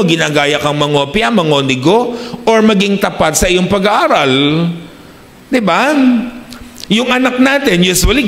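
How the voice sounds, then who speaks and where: Filipino male pastor, mid-high voice, sermon mixing in English, recorded in a reverberant church hall. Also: gravelly, a bit bright. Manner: mixes English phrases into his preaching, asks the congregation "di ba?". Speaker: preacher.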